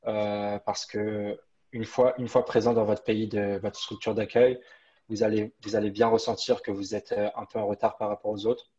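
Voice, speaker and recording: A man's voice: lowish voice, little pitch movement, moderate pace, mellow. A man, a former student giving emphatic advice with many fillers over a video call. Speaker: alumnus guest. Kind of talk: video call panel discussion. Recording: dull lo-fi video call audio.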